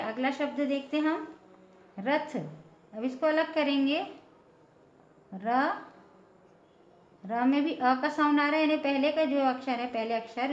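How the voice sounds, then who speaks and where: A woman teaching a patient, step-by-step lesson, often checking in with her listeners. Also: on the high side. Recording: echoey room, dull lo-fi sound.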